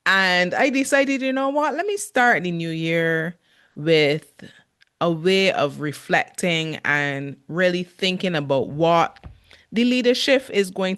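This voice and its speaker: A woman's voice: on the low side, fairly bright tone. A woman in her forties hosting her own podcast, talking earnestly in a reflective monologue, laughing often and drawing out words for emphasis. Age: 40s. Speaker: podcast host.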